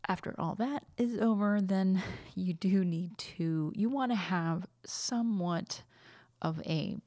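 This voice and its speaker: A woman's voice: medium pitch, takes it slowly, warm tone, studio quality. A woman hosting a podcast solo, talking casually and explaining things informally in an echoey kitchen. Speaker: podcast host. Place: at a kitchen counter indoors. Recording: echoey untreated room.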